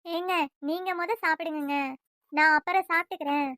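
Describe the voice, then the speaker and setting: A woman voicing a meek, pleading young daughter-in-law in a family cartoon, soft-spoken. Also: very high voice, fairly even intonation, fairly quick, no echo, clean studio sound. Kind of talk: cartoon voice acting.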